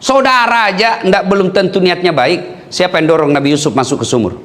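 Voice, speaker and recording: A man's voice: sits high, a little fast. A male preacher giving a humorous sermon, telling jokes and stories and acting out the voices of different characters. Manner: animated, joking storytelling with acted-out voices.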